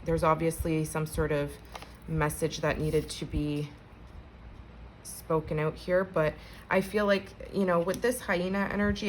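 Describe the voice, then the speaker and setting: A tarot reader with a notably low voice gives a relaxed collective reading, chatting conversationally and addressing her viewers directly. The recording is rough, with faint noise behind her.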